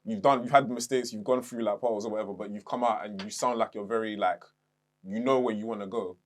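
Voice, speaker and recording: A young man, co-hosting a casual podcast chat, animated and quick to swear and laugh. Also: lowish voice. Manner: animated, swears and laughs, acts out his own inner voice. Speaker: podcast co-host.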